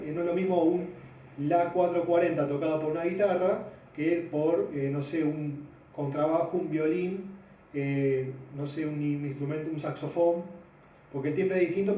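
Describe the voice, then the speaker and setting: Guy teaching physics, lots of ums, mellow tone, super echoey room, mic kinda far off. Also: fairly even intonation, normal speed, a little hiss or hum. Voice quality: deep-voiced by his own account. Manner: loose, hesitant explaining with many fillers. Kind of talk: spoken physics lesson.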